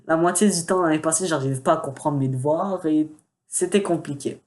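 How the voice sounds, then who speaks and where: A man's voice: fairly high pitch, a little fast. A man hosting his own gaming channel, giving a casual announcement video with lots of hesitant fillers and self-mocking asides into a desk microphone. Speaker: gaming YouTuber. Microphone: desktop USB microphone with pop filter.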